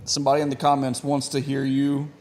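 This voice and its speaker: A man's voice: medium pitch, monotone, quick pace, darkish tone. A man co-hosting a podcast, reading out listener comments in an easygoing way. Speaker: podcast co-host.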